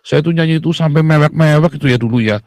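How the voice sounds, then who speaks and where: A middle-aged man telling his faith story in a preachy way, acting out prayers and dropping low and slow for emphasis. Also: darkish tone, dry recording, studio quality. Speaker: guest sharing a faith testimony. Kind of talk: preachy personal testimony.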